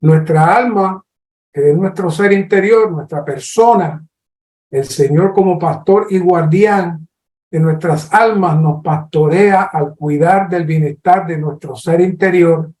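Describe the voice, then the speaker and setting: A man's voice: fairly high pitch, echoey room. A man with a Colombian Spanish accent preaching a sermon, teaching earnestly and acting out questions. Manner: slow, earnest teaching with lively acted-out questions.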